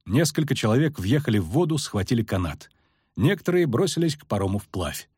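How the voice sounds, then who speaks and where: Expressive male narrator, husky, lively intonation. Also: fairly quick, dry recording, clean studio sound. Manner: expressive, dropping low and quiet for tension. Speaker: audiobook narrator. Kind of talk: dramatic fantasy audiobook narration. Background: faint background music.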